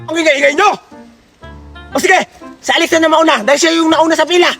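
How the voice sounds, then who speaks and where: A woman voicing a bossy older woman who scolds children loudly and hands out Christmas gifts. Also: very high voice, steady tone, fairly quick. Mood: scolding. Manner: scolding, loud, blunt. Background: background music.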